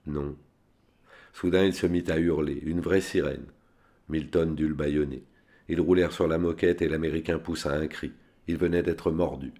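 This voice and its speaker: A man reading a spy novel aloud in a steady, plain storytelling manner. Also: extremely low pitch, moderate pace. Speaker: reader.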